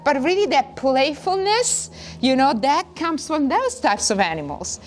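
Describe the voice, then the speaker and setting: A woman's voice: high-pitched, big pitch swings, measured pace, a little hiss or hum. Earnest woman, rambling. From northern Italy. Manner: earnest, speaks in rambling flowing phrases. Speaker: wellness co-host. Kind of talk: casual conversation.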